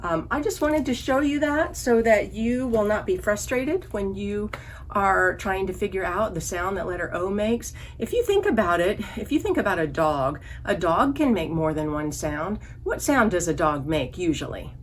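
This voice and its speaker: During a children's online lesson with songs, a woman acting as librarian hosts story time for young kids. Her mid-range voice has lively intonation and a moderate pace, with a little hiss or hum present. She gives simple directions and asks the children questions.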